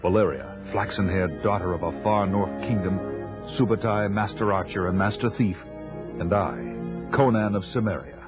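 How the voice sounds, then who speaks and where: A man's voice: fairly low pitch, moderate pace, over music, close to an everyday voice. An actor playing a bold, fearless barbarian hero who tells his own adventure in a grave, dramatic, archaic way for an audio drama. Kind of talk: audio drama narration and dialogue.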